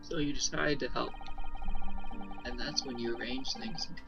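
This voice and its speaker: A man's voice: mid-range voice, fairly even intonation, moderate pace, gravelly, highs cut off, over music, natural voice. A man reading the part of a young defense attorney, questioning a witness step by step while playing a game with friends. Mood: probing. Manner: probing, methodical questioning.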